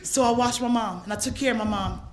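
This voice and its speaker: Impassioned high-voiced woman. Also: fast talker, soft background music. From Philadelphia, USA. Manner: impassioned, swings from hushed storytelling to shouting. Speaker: recovery convention speaker. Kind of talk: personal testimony to an audience. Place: convention hall stage.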